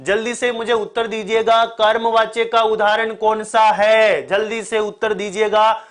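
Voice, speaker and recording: A man teaching an online exam-prep grammar lesson with a sore throat. He repeats the key points and keeps asking the class to answer quickly. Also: high voice, little pitch movement, fairly bright tone.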